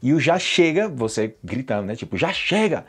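A man's voice: mid-range voice, fairly quick, husky. A young Brazilian man teaching Portuguese phrases, acting out the examples as he explains them. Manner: lively, acts out example phrases with shifting voices. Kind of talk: language lesson, explaining phrases.

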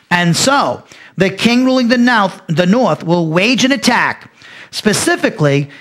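A Bible teacher with a high-pitched, ragged and strained voice works through scripture verse by verse. He explains slowly, repeats key phrases and often restarts a word before going on. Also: fairly bright tone.

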